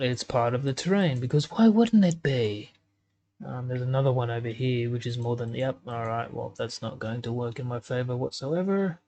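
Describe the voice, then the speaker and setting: A man's voice: medium pitch, mellow. A man giving casual commentary while editing a game map, thinking aloud with lots of ums. He has the hiccups. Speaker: gaming YouTuber.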